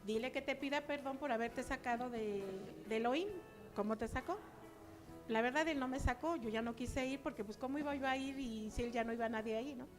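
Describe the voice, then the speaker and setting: A woman's voice: sits high, brisk, faint music behind. An older woman giving a chatty personal testimony to her church, acting out remembered dialogue.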